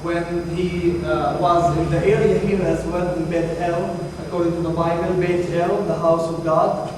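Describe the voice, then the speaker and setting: A man giving a halting tour explanation, full of pauses and fillers. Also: on the high side, level tone. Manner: hesitant, many fillers. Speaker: tour guide. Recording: distant, echoey, long reverb with noise.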